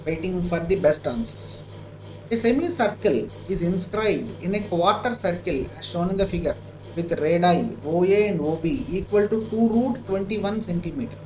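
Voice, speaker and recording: High-pitched Indian male maths teacher, echoey room. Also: lively intonation, moderate pace. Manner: repeats himself and asks checking questions. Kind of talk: live online lesson, working a problem aloud. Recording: echoey room with clear background noise.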